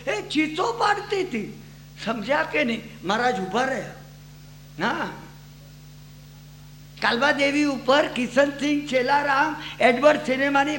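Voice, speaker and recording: A man giving a sermon full of stories, animated and putting rhetorical questions to his listeners. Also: very high-pitched. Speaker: Jain preacher. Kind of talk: sermon with storytelling. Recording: echoey hall, faint noise.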